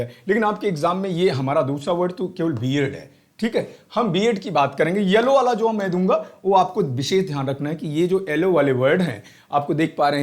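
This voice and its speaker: Indian guy teaching vocab for exams, voice a bit high, hindi english mixed, slow on english bits, lots of uhs. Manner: Hindi-English code-switching, slow deliberate English phrases, frequent fillers. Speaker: English teacher for exam prep. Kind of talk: spontaneous classroom-style lesson.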